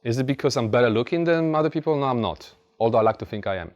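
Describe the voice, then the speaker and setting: A man's voice: medium pitch, animated, racing, darkish tone, lo-fi sound. A man from Poland with a Polish accent giving a blunt, informal motivational talk, telling stories with emphatic repetition. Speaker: motivational speaker. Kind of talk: motivational talk to a live audience.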